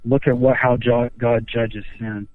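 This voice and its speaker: A man's voice: medium pitch, level tone, measured pace, dry recording. A man calling in as a missionary, speaking earnestly over a muffled phone line that sounds like he is talking into a cup. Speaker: caller, missionary. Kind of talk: casual on-air chat.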